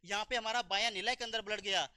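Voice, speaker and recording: A man's voice: sits high, steady tone, fast, sharp tone, clear, resonant tone, dry recording. A man teaching a biology lecture, asking his own questions and answering them, repeating key terms.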